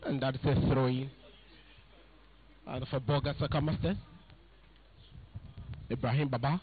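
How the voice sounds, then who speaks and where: A man giving live football commentary, calling out "ladies and gentlemen" as he narrates play. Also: mid-range voice, fairly even intonation, measured pace. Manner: keeps addressing "ladies and gentlemen". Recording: phone-like narrow sound.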